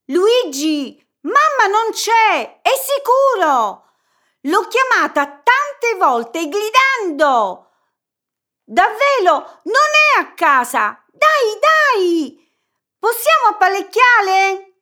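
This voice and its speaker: Marion, a very high little girl. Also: sing-song, extremely slow, bright, forceful tone, exaggerated voice. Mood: eager. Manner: insistent, begging. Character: eager pleading little girl.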